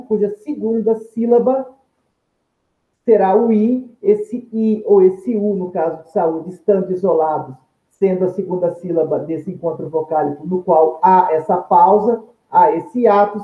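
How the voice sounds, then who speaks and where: Teacher, deliberate explanatory delivery, stressed example words, tinny phone-like sound, roomy echo. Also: mid-range voice. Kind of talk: grammar lesson. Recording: tinny phone-like line in an echoey room.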